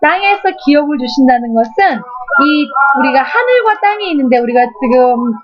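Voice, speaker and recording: A woman preacher giving an emotional testimony in a fervent, sometimes tearful voice. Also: high voice. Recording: dull lo-fi recording.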